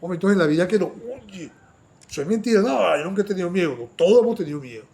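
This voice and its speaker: A man teaching a Bible study sermon, animated and often asking his listeners to agree, acting out quoted lines in a raised voice. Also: high voice, quick pace, gravelly.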